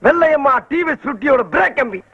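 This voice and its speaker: A cheeky, shrill comic sidekick. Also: male voice, expressive, brisk, gravelly, exaggerated voice. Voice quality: wisecracking, cheeky. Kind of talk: 1990s film comedy acting. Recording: dull old film soundtrack.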